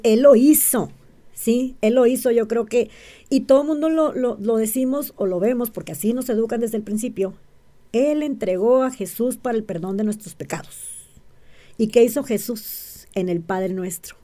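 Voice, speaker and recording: A woman's voice: a little high, normal speed, mellow. A woman explains things as an interview guest, often checking in with the listener and asking rhetorical questions. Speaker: interview guest, self-described witch.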